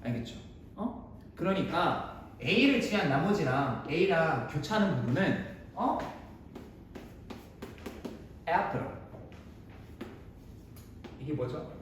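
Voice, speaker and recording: A man teaches a math class in a chatty, rambling way, joking with his students as he goes. His voice sits high and swings widely in pitch. The sound comes from a mic well away from him in a strongly echoing room with faint noise. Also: very animated, takes it slowly, pauses often, recorded from a distance. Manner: chatty, digressive, bantering with students in casual speech. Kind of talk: casual classroom lecture.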